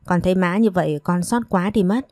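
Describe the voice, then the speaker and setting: A woman's voice: fairly low pitch, brisk, a little mellow, dry recording, clean studio sound, natural voice. A woman voicing a scheming young woman who talks in a falsely sweet, pleading way. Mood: coaxing.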